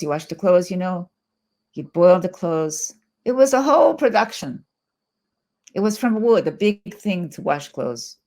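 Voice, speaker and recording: Woman playing an elderly accented immigrant mother, chatty, searching for words, low gravelly voice. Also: a little mellow. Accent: foreign-accented English. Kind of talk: reading quoted interview excerpts.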